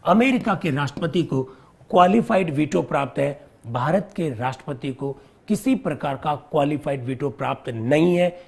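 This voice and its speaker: Gravelly-voiced man teaching a live lesson. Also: fairly high pitch, expressive, moderate pace. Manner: explains step by step, repeats key terms, quizzes viewers. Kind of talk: live online civics lesson.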